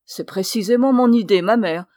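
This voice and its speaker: A woman reading aloud voices a torn, impulsive young man in an audiobook. He speaks louder than the narration, in an urgent, pleading way. The recording is close and dry, with a middle pitch. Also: normal speed, dry recording, close to an everyday voice.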